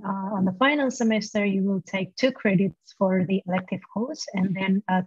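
Her voice medium in pitch, darkish, and husky, a university lecturer walks through a study program over a video call, filling gaps with frequent "uh"s. The laptop mic yields dull, lo-fi sound with no echo.

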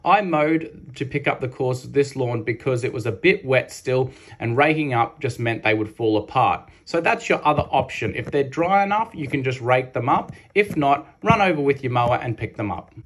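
A man's voice: medium pitch, lively intonation, moderate pace, few pauses, breathy edge. A man in his thirties with an Australian accent, a lawn care host giving a practical step-by-step voice-over with casual fillers. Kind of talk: instructional voice-over.

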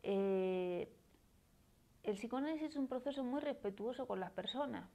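A woman's voice: on the high side, animated, moderate pace, dark tone. A woman in her forties from Málaga, with a southern Spanish accent, talking as a psychoanalyst in a live stream and answering viewers' comments in an explanatory way, often ending with a questioning "¿no?". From Spain. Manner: explanatory, tags phrases with questioning "¿no?".

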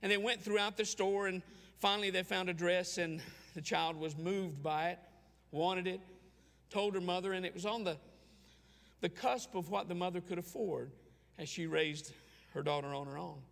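A male pastor telling a story in a sermon, slow and deliberate with many pauses. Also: high-pitched, fairly even intonation, creaky, fairly bright tone. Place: church sanctuary. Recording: long church reverb.

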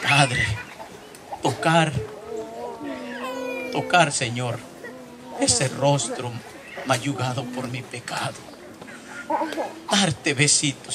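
A man's voice: mid-range voice, heavy background noise. A man leading a fervent spoken prayer in church, pleading and at times crying out, originally from Latin America. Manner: pleading, crying out, rising to shouts.

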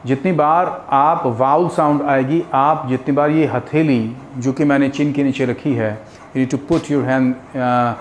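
Indian english teacher guy, switches hindi and english, drags out his examples super slow, bit of hiss. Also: mid-range voice, steady tone. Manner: mixes Hindi and English, slows right down to spell out English examples. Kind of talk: grammar lesson.

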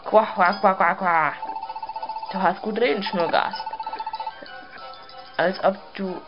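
A woman voicing a smug male frog sidekick who croaks and quacks loudly, with game music behind. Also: medium pitch, slow pace. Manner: croaky, louder quacking laugh. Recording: slightly dull sound, game music behind.

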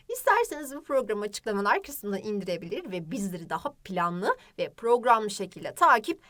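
A young woman teaching a children's phonics lesson, drawing out words and asking the class questions in a lively, sing-song way. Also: a little high. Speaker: primary school teacher.

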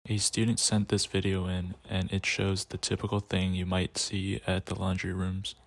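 A man's voice: sits low, completely flat delivery, moderate pace, background noise. A young man narrating a class project video about campus laundry rooms, reading plainly. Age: young adult. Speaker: student presenter.

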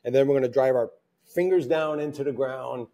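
A middle-aged male fitness coach with a mid-range, warm voice speaks briskly as he leads a wrist mobility class in a home gym. He gives cues and counts out holds, recorded by a camera placed some way off.

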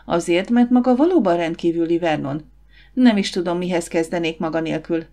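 A woman voicing a confident, warm young woman who runs a catering business, in an audiobook. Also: fairly low pitch, lightly acted. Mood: warm brisk. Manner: brisk, encouraging.

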